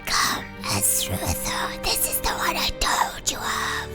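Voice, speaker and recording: Woman doing a slow, whispering sinister ghost voice. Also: over music, lightly acted. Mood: grim. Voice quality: breathy whisper. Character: sinister undead oathbreaker ghost, servant of the Dark Lord. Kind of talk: character voice in a game read-aloud.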